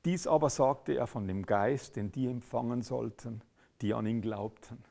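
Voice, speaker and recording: A man preaching a sermon, emphatic, swinging from loud outbursts to quiet intensity. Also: medium pitch, normal speed, vocal fry.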